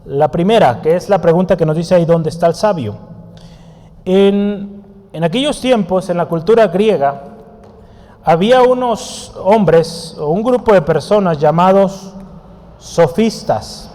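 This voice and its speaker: Man, preacher, teaching sermon, mellow raised voice, quizzes the congregation, long hall reverb. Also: high-pitched, a little slow. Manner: conversational, asks the congregation questions; writes on a board while teaching. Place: church hall.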